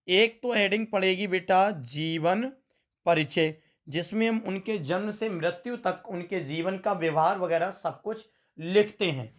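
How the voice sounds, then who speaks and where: High-pitched and teaching exam prep, this coaching teacher has a western Uttar Pradesh Hindi accent. He frequently uses "beta" for his students and echoes his own points back as questions.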